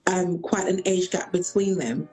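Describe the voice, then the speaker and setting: A woman interviewing a guest on a casual livestream, asking friendly, brisk questions. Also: lowish voice, darkish tone, soft background music, rough recording.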